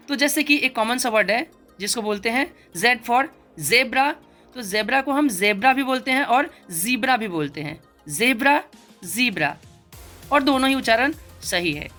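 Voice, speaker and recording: A woman's voice: on the high side, bright, forceful tone. A woman teaching English phonics, explaining patiently and repeating each sound several times. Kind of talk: spoken phonics lesson.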